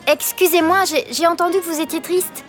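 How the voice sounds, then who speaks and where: A very high, piping little girl, curious and bursting with imagination. Her voice is breathless and giggly, with soft music running beneath her storybook adventure. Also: fairly even intonation, fairly quick. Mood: gentle. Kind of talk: children's audio drama acting.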